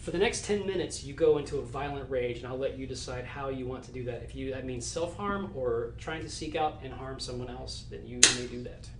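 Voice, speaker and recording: A man's voice: mid-range voice, fairly quick, hardly any pauses, crowd noise. A man running a tabletop horror game, narrating loosely with many fillers. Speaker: game master. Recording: echoey room with noise.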